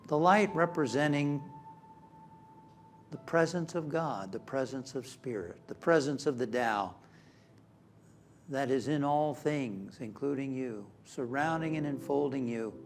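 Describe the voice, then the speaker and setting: A man leading a spiritual guided meditation in a calm, measured manner with long pauses. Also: mid-range voice. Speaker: meditation leader. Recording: music behind the voice. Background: instrumental music.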